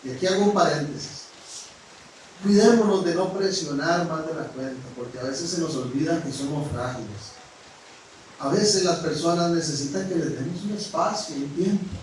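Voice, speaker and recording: High-voiced preacher in an echoey hall. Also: male voice, moderate pace, a little hiss or hum. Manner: preaching with rising exclamations and sudden drops to a hush; frank, addresses the congregation directly. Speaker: pastor. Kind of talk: sermon. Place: church hall. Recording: echoey hall, mic at a distance.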